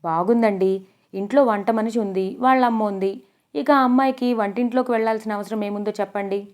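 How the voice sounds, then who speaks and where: A woman's voice: mid-range voice, steady tone, brisk, natural voice. A woman doing a firm, protective middle-aged aunt. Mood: reasoning. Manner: firm, reasoning, gently reproachful.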